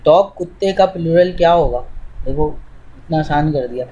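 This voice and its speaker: Higher-pitched man teaching step by step. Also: normal speed, dark tone, dull audio. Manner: informal, explains step by step while addressing a student. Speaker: English teacher. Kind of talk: live teaching with screen demonstration.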